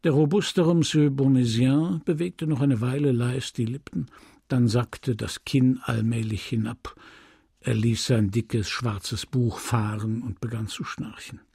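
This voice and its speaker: A man reads a classic novel aloud in a measured, grave narration. His voice is gravelly and husky, and the recording is dry and close, with no room sound. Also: mid-range voice, fairly even intonation, warm tone, dry recording. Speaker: audiobook reader. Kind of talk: scripted literary narration.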